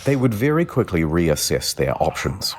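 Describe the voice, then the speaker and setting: A man narrating a comedic history story in a dry, deadpan way, over background music. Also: deep voice, normal speed, slight background noise.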